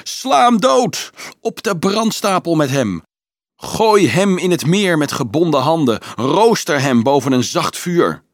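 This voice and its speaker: A man voicing a frenzied crowd of children who chant and yell in shrill unison. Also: sing-song, unhurried, no room sound, clean studio sound.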